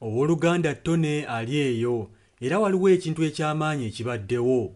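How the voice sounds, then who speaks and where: A Ugandan man earnestly interprets a sermon phrase by phrase, doing consecutive translation with music in the background. His voice sits a little high and sounds slightly mellow, and he speaks quickly and expressively.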